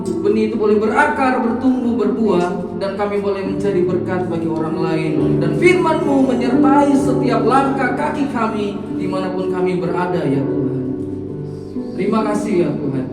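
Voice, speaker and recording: A man preaching in a church, praying fervently and then telling a story to the congregation. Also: high voice. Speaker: pastor. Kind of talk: sermon with opening prayer. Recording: echoey church hall from far off.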